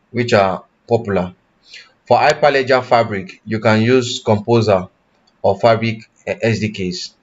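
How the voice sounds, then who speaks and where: Male online instructor with a lowish voice, halting and self-correcting, on a muffled lo-fi stream. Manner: halting, self-correcting, asks "you understand?". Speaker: tech instructor. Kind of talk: live online class.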